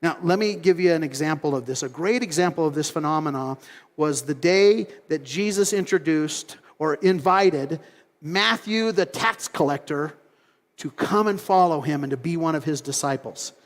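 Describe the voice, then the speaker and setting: A man preaching a sermon as pastor, telling stories in an animated way and acting out other people's voices. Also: on the high side, normal speed, long reverb tail. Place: church sanctuary.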